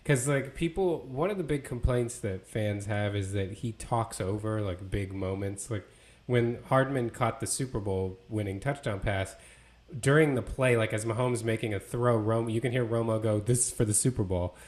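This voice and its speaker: A man's voice: lowish voice, moderate pace. A man co-hosting a casual sports podcast, talking in a loose, conversational way full of fillers and restarts. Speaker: podcast co-host.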